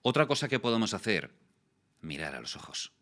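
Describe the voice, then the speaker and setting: A guy in his forties, a voice actor and communication coach, chats as a guest in a casual interview. His deep voice has a crisp, bright tone, and he talks fairly quickly, explaining things through animated stories and acting out quotes.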